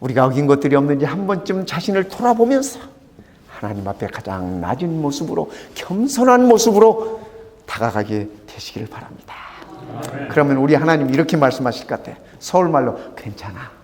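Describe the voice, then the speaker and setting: A man in his sixties preaching a sermon as pastor, swinging between fervent raised lines and hushed near-whispers. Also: fairly high pitch, big pitch swings, brisk, long reverb tail.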